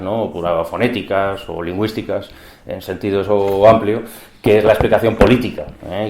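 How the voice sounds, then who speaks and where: A man's voice: fairly low pitch, echoey room, a little hiss or hum. A man giving an academic conference lecture, talking in a discursive way and often asking the audience rhetorical questions.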